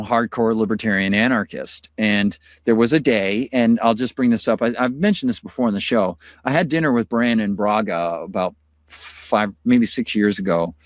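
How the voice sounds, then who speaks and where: This middle-aged U.S. live-stream host talks in a rambling, casual manner full of fillers, sounding fatigued by illness. His voice is mid-range, and the sound is clean studio audio with no echo.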